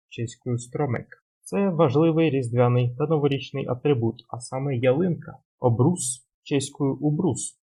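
Guy giving a language lesson, mellow husky voice, firing off word pairs and quiz questions. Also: medium pitch. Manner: quizzing the viewer with quick word pairs. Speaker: Czech language lecturer. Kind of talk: educational vocabulary video.

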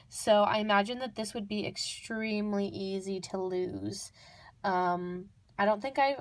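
A young woman narrating a casual show-and-tell of miniature toys off camera, gushing and repeating words for emphasis. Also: mid-range voice. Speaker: toy unboxing vlogger. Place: indoors at a table. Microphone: off-camera voice over hands-on tabletop close-up.

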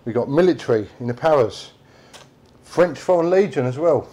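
A man's voice: mid-range voice, lively intonation, normal speed, dark tone. Easygoing man interviewing. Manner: easygoing, brief prompts and nods. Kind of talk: casual interview. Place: indoor studio with mural wall. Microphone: lapel.

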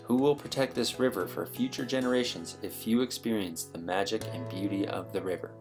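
Low-voiced male narrator over guitar music. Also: brisk. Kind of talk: scripted promotional documentary narration. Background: music with plucked guitar.

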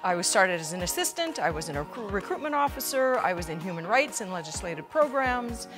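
A woman's voice: medium pitch, very animated, brisk. A woman speaking candidly about her career path in a studio interview testimonial. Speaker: employee in a recruitment video. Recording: background music.

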